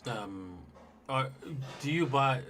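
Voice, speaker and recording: A man's voice: mid-range voice, expressive, takes it slowly, fairly bright tone, a little hiss or hum. A man hosting a casual livestream, talking loosely and in a rambling way straight to his viewers as he looks over charts. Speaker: livestream host.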